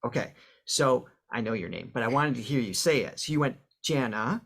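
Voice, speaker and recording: A man's voice: medium pitch, animated, a little fast, gravelly, husky, soft background music. A man, a voice coach and guest on an interview podcast, explaining how speech and singing work through examples, with the odd filler.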